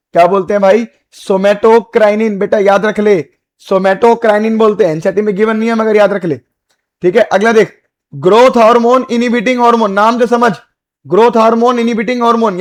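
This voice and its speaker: Male biology tutor, high voice, call-and-response drilling style. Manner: repetitive call-and-response questioning, calls students beta and bhai; drills terms by repeating them slowly. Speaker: biology teacher. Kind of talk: exam-prep lecture.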